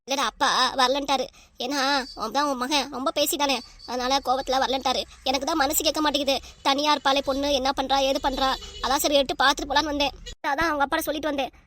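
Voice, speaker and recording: A woman's voice: sits high, flat delivery, fast, a bit bright, a little hiss or hum. A woman voicing a caring, reproachful elderly grandmother in a cartoon, with a southern Tamil accent. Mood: comforting. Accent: Tamil, southern Tamil Nadu.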